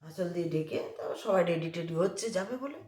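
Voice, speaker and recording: A woman's voice: lowish voice, lively intonation, a little fast, darkish tone. Woman telling a devotional story, echoey. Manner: chatty, repetitive, loose retelling. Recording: echoey room.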